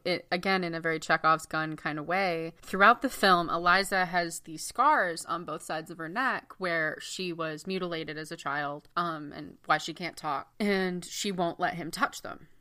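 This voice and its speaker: A woman co-hosting a casual film-discussion podcast, thoughtful and analytical, quick to laugh. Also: fairly low pitch, sharp tone. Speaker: podcast co-host.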